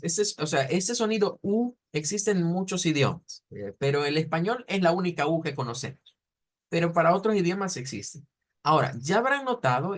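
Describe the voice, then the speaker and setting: In an online language class, a Spanish-speaking man teaches German, his voice somewhat high. Calm and clear, he says each sound again and again slowly to demonstrate how it should be pronounced.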